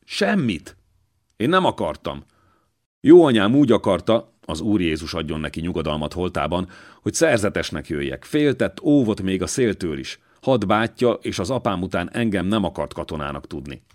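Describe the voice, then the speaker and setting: Brief: earnest young monk, restless and impassioned, voice pitched up from a low base, as a male narrator puts him on. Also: very animated, darkish tone. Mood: eager, restless.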